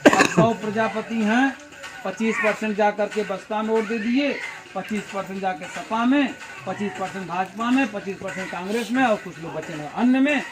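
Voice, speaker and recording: High-voiced man rallying a village crowd. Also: normal speed. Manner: rhetorical questions, folksy analogies, rural dialect words. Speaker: party organizer addressing villagers. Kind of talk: village meeting speech. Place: outdoors in a village.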